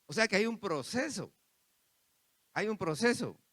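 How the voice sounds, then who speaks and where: A man's voice: high-pitched, lively intonation, unhurried, a bit bright, no room sound. A man preaching a sermon, repeating phrases and turning to the congregation with asides. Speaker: pastor.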